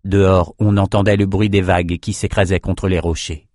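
A man narrating an audiobook in a steady, measured voice. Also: deep voice, dry recording, clean studio sound.

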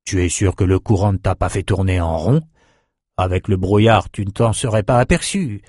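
A man voicing an older male sorcerer who speaks slowly and measuredly, with a gently teasing tone. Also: sits low, no echo, clean studio sound. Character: older male sorcerer, calm and wry mentor.

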